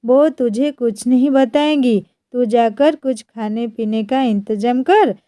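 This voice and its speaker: A woman's voice: a little high, slow pace, warm tone, no echo, clean studio sound. A woman voicing a stern, old-fashioned older mother-in-law in a scolding tone.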